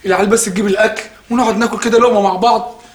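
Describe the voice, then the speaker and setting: A man's voice: high-pitched, steady tone, rapid-fire, roomy sound, lightly acted. An actor playing an Egyptian man who talks in a blustering, threatening way about his gold. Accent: Egyptian Arabic. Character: greedy, demanding Egyptian gold owner.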